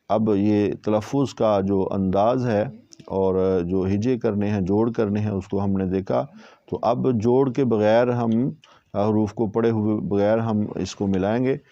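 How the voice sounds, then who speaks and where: In a slow tajweed lesson, a man with a Pakistani accent teaches Quran recitation in Urdu, patiently spelling out each syllable and repeating it several times. His voice is lowish and dark with vocal fry, recorded without echo in lo-fi quality.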